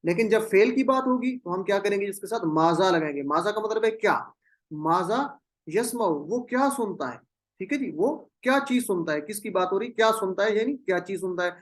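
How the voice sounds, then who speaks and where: A man's voice: sits high, lively intonation. A man teaching an online class, patiently drilling Arabic verb forms and calling on students over a video call.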